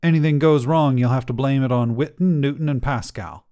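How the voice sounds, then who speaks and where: A man playing a steady, wry accomplice in a read-aloud story. He speaks in dry, matter-of-fact quips. The voice has a mellow, darkish tone at a middling pitch. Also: brisk, close to an everyday voice. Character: dependable, wry male accomplice.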